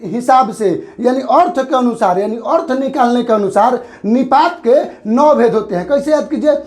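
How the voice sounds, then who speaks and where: A man's voice: very high-pitched, normal speed, a little mellow. A man teaching a grammar lesson for exam preparation, who asks questions and answers them himself and repeats the key terms.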